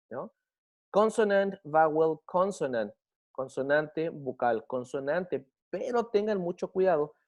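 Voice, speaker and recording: A man's voice: a little high, a little mellow. Patient man teaching English grammar. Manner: patient, checks understanding with frequent questions; slows down to spell and model English words. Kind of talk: explaining grammar in a recorded class.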